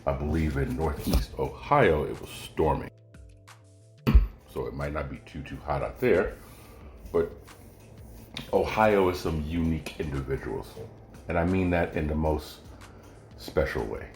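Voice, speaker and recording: This podcast host has an extremely low voice and speaks unhurriedly, leaving long pauses. He chats casually and jokes directly with his listeners in a solo show. The room sounds echoey, with faint music in the background.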